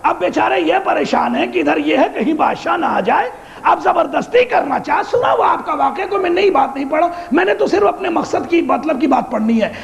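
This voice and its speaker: A man preaching a mourning sermon at a religious gathering, telling a story with passion and frequent shouting. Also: very high voice, animated, vocal fry. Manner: impassioned, often shouting, rhetorical. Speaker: religious orator. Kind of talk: Shia majlis sermon storytelling. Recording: dull lo-fi hall recording with faint crowd.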